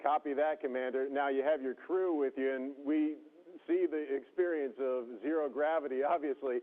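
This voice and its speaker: A man working as a TV news interviewer, asking formal, measured questions over a radio link to a space station. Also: mid-range voice, steady tone. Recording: tinny phone-like radio link.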